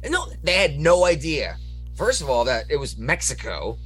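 Rambling husky-voiced man. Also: fairly high pitch, big pitch swings, normal speed, a bit bright, faint music behind. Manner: talkative, rambling, provocative. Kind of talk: casual chat.

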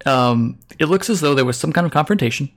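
A man's voice: a little high, animated, fast, a bit bright. A man running a tabletop role-playing game as game master, talking casually with many hesitations.

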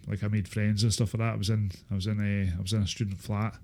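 A Scottish man in his thirties recalling his life in a casual interview, speaking haltingly with repeated filler phrases. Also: lowish voice, level tone, a little mellow. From Inverness, Scotland. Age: 30s. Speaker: interview guest, former supported-housing tenant. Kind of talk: casual interview, personal recollection.

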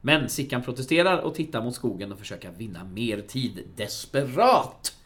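A man with a lively, swooping voice retells a film scene for his co-host, jumping up loudly whenever he calls out a character's line. His pitch sits in the middle range and moves a lot. It is casual podcast chat.

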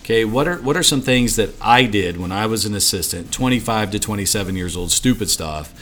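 A man with a slightly low voice hosts a ministry podcast in loose, casual conversation. He rambles and doubles up on words as he restarts sentences, with a faint hiss behind him. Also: animated, a little fast, a bit bright. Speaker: podcast host for ministry assistants.

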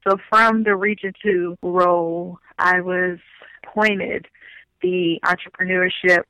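A woman heard over a phone line as a podcast guest. Her voice is bright and sharp, with a dry sound and no room echo. She talks in a measured way, laying her points out one by one. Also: fairly low pitch, flat delivery, clear, resonant tone. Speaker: interview guest.

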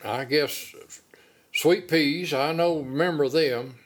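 A man's voice: on the high side, takes it slowly. An older man with an Appalachian accent reminiscing casually in an interview, with folksy rural phrasing. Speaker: interviewee recalling childhood. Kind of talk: casual oral-history reminiscence.

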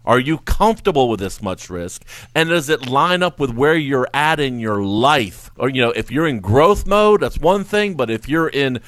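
A man hosting a radio finance show, talking in a casual, animated way and laughing often. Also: medium pitch, moderate pace, few pauses, no room sound. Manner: animated, laughs often, mocks carefree investors in a sing-song voice. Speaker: financial adviser radio host. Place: radio studio. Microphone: studio mic.

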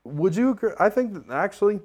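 A man's voice: high-pitched, lively intonation, brisk, darkish tone. A man co-hosting a podcast, chatting casually and enthusiastically about an album, often laughing. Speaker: podcast co-host. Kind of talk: casual music review chat.

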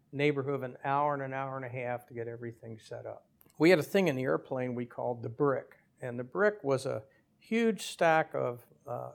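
An older man, a former airline captain, telling his story in an interview at a measured pace with small hesitations. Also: medium pitch, vocal fry. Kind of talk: conversational storytelling.

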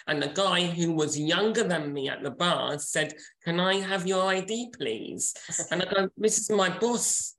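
A man's voice: fairly high pitch, fairly bright tone, reverberant, low-quality recording. A man in his forties, a podcast co-host and author, chatting casually and laughing often. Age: 40s.

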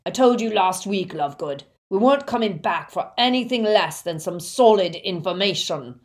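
A woman voicing a cruel male villain wizard with a rough, shouting voice in an audiobook. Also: fairly low pitch, lively intonation, a little slow. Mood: furious.

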